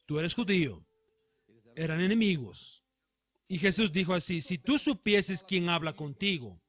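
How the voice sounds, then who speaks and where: Pastor, male, high voice, dry close sound, faint music behind. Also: animated, fairly bright tone, dry recording. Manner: emphatic preaching with slow stressed phrases. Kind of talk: sermon. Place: church.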